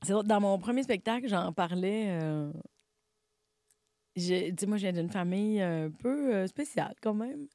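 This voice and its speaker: A woman's voice: mid-range voice, animated, moderate pace, mellow, dry recording, studio quality. A middle-aged woman from Quebec with a Québécois accent, chatting in an interview as a guest comedian, laughing often and self-deprecating, with lots of fillers. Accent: Québécois French. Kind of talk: casual interview conversation.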